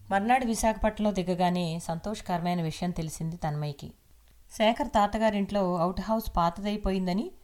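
A woman narrates a serialized audio novel with a steady, measured delivery. Her voice sits slightly low for a woman, and her telling stays even and composed. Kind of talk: scripted storytelling narration.

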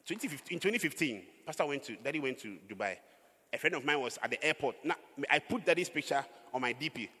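Male pastor, animated preacher, husky raised voice, long church-hall echo. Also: medium pitch, fast talker. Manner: animated preaching with sudden loud outbursts and laughs. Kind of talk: sermon.

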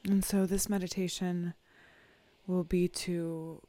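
A meditation guide leading a guided meditation, often whispering soft, calm instructions. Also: mid-range voice, slow, dry recording.

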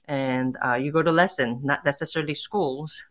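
A woman born in Korea, a tango musician, talking in a casual interview, thoughtful and pausing often with fillers and restarts. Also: sits low, steady tone, fairly bright tone.

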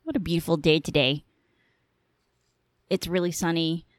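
A young adult woman hosts a solo podcast, rambling candidly, swearing casually, and coughing now and then because of allergies. Her lowish voice is steady at a moderate pace, recorded in studio quality on a home podcast mic with headphones on and no room sound.

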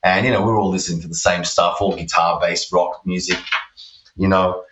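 Deep-voiced Australian man, roomy distant sound. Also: fairly even intonation, brisk, a bit bright. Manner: rambling, laid-back, many fillers. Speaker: guest guitarist. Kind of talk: casual storytelling interview.

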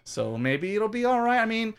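A man's voice: sits high, sing-song, moderate pace, smooth. A man co-hosting a casual podcast chat, rambling and laughing often. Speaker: podcast co-host.

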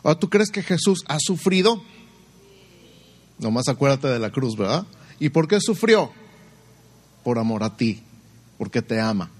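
A man preaching a sermon, in a middle-pitched voice. He keeps putting rhetorical questions to the listener. He slips into short acted-out quoted lines. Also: big pitch swings, unhurried, long pauses, slightly rough.

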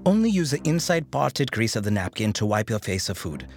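An actor playing a strict, dry male royal aide who talks in a clipped, deadpan way. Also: medium pitch, a little fast, slight background noise. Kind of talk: audio drama acting.

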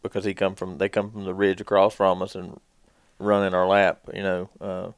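A man's voice: low voice, completely flat delivery, normal speed, clear, resonant tone, dry recording, studio quality. A man telling casual hunting stories in folksy, colloquial speech as a podcast co-host.

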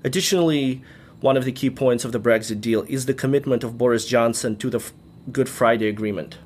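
A man co-hosting a podcast, reading prepared political analysis in an even way. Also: mid-range voice, a little fast, a little hiss or hum. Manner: reads prepared points evenly. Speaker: podcast co-host. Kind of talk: scripted news analysis.

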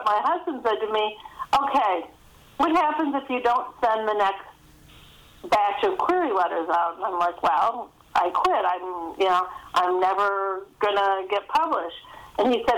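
A middle-aged woman, interviewed as an author, talks in a chatty, anecdotal way and says "you know" a lot. Her voice sits in the middle range and is slightly bright, but the audio quality is poor.

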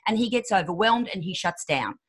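A woman's voice: mid-range voice, expressive, a little fast, husky. A woman in her fifties, a podcast guest giving relationship advice and acting out quoted voices. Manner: acts out quoted voices, emphatic.

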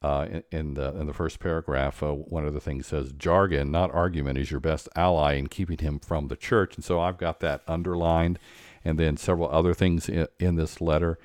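Deep-voiced man hosting, halting and dry. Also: steady tone, darkish tone, no room sound. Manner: halting, many restarts and fillers. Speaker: podcast host. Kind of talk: conversational interview.

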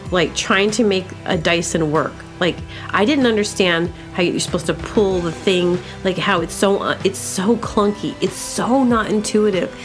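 A woman chats on her comedy podcast, rambling from one thought to the next with plenty of fillers. Her voice sits at an everyday middle pitch and lights up as she slips into impressions. Faint music plays softly behind her. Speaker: podcast host. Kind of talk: casual comedic chat.

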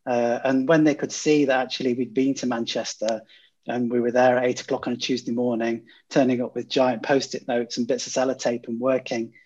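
A man's voice: medium pitch, level tone, brisk, a little mellow. A man guest, a design consultant, telling a project story in a conversational way, with many "uh" fillers and restarts. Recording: dull lo-fi audio.

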